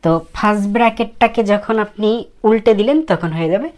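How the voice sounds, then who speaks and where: A woman teaching Japanese script in a casual spoken lesson, who goes through each stroke slowly and repeats herself, often trailing off quietly. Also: medium pitch. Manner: explains slowly, repeating each step of writing the letters.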